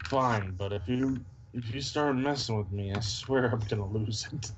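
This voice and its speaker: A man's voice: mid-range voice, moderate pace, background noise, natural voice. A man voicing a restless young male superhero stuck in a disguise, talking impatiently and complaining, on a dull lo-fi recording. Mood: irritable.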